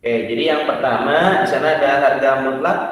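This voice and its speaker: A man's voice: mid-range voice, brisk, fairly bright tone. A man teaching a math class, explaining step by step with many fillers and checking whether his students follow. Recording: echoey hall, far from the mic.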